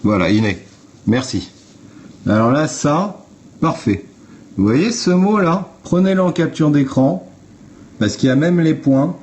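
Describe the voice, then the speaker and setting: A man's voice: on the high side, expressive, measured pace, long pauses, a little mellow. A man on a phone livestream, talking to viewers in a blunt, informal way and explaining step by step. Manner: blunt, informal, swears, addresses viewers directly. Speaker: livestream host. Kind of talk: casual explanatory livestream talk.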